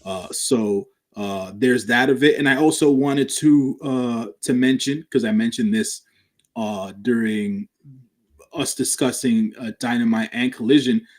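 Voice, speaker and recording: A man co-hosting a podcast, giving measured, hedging commentary in casual chat. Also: medium pitch. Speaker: podcast co-host.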